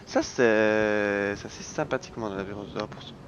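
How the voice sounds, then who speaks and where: This let's play host reads on-screen game text aloud, slipping in dry asides as he goes. He speaks briskly in a lowish voice, and the recording is muffled with background noise.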